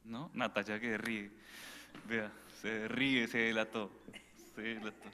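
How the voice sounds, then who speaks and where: A man preaching an informal sermon at a parish retreat, animated and full of rhetorical questions. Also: lowish voice, takes it slowly, long reverb tail. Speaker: priest giving a retreat talk.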